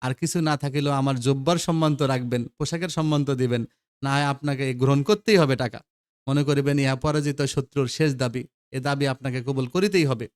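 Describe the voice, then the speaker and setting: A man's voice: medium pitch, fairly even intonation, brisk, clean tone, close to an everyday voice. A man voicing a proud, indignant older pir while reading a play aloud. He speaks in a stately, old-fashioned manner and breaks into aggrieved outbursts. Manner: stately archaic speech, rising to indignant outbursts.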